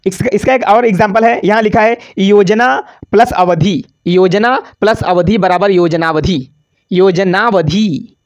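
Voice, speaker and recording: Over slides, a casual grammar teacher preps students for exams, calling them "bhaiya" and asking then answering questions. Examples get stretched-out syllables and key words are repeated, in a mid-range voice at a moderate pace with few pauses.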